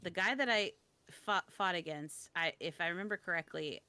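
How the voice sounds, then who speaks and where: A young woman with a bright, tense edge to her voice spins a story in casual chat. She pitches a little low, restarts her sentences often and pokes fun at herself, all in a dry, close sound. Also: clean tone, dry recording. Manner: storytelling, self-deprecating, quick restarts.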